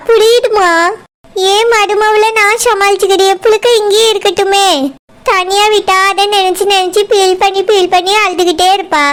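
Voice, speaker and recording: A woman voicing a kindly old grandmother who pleads and gently lectures, with a Kanyakumari Tamil accent. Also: very high-pitched. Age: older. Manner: soothing, pleading. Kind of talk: cartoon voice acting.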